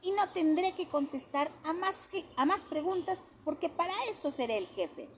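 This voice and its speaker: A woman's voice: high-pitched, animated, moderate pace, a bit bright, slight background noise, pitched above the performer's own voice. Johnny, a woman doing a bragging little boy. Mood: boastful. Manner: stubborn, triumphant. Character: boastful little boy dreaming of being king.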